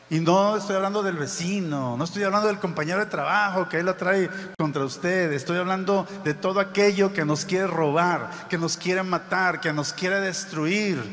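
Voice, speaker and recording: High-voiced male preacher in a reverberant hall. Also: a bit bright. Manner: preaching with rising emphatic exclamations. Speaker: pastor. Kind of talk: sermon.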